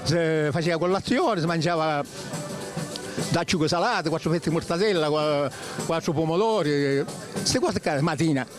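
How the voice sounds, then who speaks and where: An older man with a Sicilian accent, explaining traditional work in casual dialect, halting and repeating himself. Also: fairly high pitch, music in the background. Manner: halting, repetitive, colloquial explanations. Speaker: traditional winemaker recalling his work.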